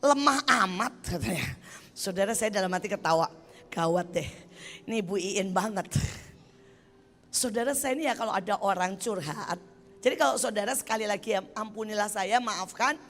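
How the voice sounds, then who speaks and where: A woman's voice: mid-range voice, normal speed, long reverb tail. An older woman preaching a sermon as pastor, blunt and emphatic, acting out the people she quotes.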